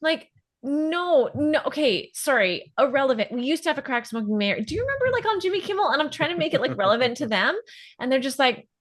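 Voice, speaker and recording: A woman from Canada telling stories in a casual comedy podcast chat, animated and laughing often. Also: sits high, fast talker. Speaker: podcast co-host.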